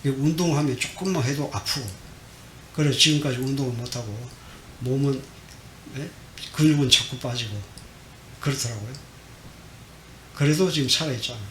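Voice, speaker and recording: A middle-aged male pastor giving a Sunday sermon, swinging between quiet and loud and asking the congregation questions. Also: moderate pace, long pauses. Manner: dramatic swings in loudness, acting out the prophet's complaints. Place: church sanctuary. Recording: echoey church hall with faint rumble.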